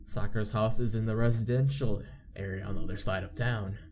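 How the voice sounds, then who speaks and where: Game background music accompanies a man's casual narration as he reads a visual novel's on-screen story and comments on it. His voice is lowish and steady, a little fast, and there's some background noise.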